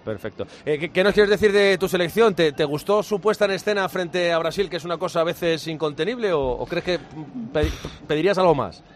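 A man's voice: high voice, fairly quick, slight background noise. A man hosting a live football broadcast, chatty and jokey as he brings in his guests. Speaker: sports broadcast host.

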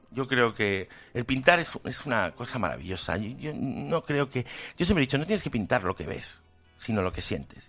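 A man tells stories as an interview guest, breaking into laughter now and then. His voice is gravelly and bright. Faint music sits behind him. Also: mid-range voice. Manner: laughs often while telling stories. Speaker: guest painter. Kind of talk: animated anecdote telling.

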